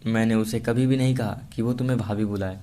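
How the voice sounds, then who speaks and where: A man's voice: lowish voice, steady tone, fast, warm tone, lightly acted. Moody, hot-tempered young lover, voiced by a male narrator, raised and snappy. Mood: heated. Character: moody, lovesick young man, quick-tempered.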